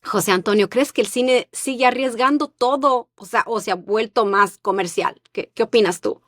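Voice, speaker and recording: A woman's voice: fairly high pitch, moderate pace, fairly bright tone, dry recording, clean studio sound. A woman hosting a podcast interview, affirming briefly and asking her guest open questions. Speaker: podcast host.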